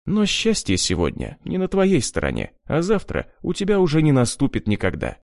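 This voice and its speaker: A man's voice: fairly high pitch, wildly swooping pitch, normal speed, gravelly, a little mellow, no room sound, studio quality. A man reading an audiobook in a grim, cold first-person voice. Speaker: audiobook narrator. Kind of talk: scripted narration.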